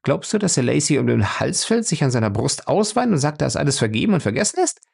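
A man reading a storybook voicing a sharp-witted young woman who argues fast and incredulously. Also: deep voice, big pitch swings, creaky, husky, voice pushed up, heavily acted. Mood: argumentative. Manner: quick, incredulous, argumentative.

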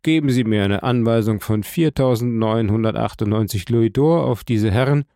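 A man voicing a cool, indifferent bandit jailer in an audiobook, calm and mockingly polite. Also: medium pitch, normal speed, dry recording, studio quality, natural voice. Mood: deadpan. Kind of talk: audiobook character voice.

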